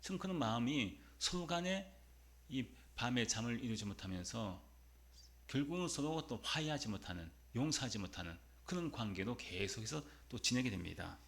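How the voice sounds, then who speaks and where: A man's voice: mid-range voice, expressive, moderate pace, vocal fry, fairly bright tone. A male pastor preaching a Sunday sermon, telling a story and asking the congregation rhetorical questions.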